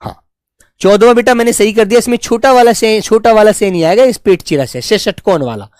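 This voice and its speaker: A man teaching Hindi spelling in a live online class, patiently repeating each word slowly and fondly addressing his students as children. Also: high voice, a little mellow, no room sound, studio quality.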